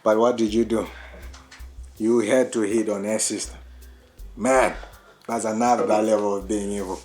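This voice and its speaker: A man's voice: lowish voice, steady tone, moderate pace, darkish tone, faint music behind, lightly acted. A man with a Zimbabwean accent acting an anguished, self-accusing man going through divorce in a television drama. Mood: bitter reproach. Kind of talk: television drama acting, switching between Shona and English.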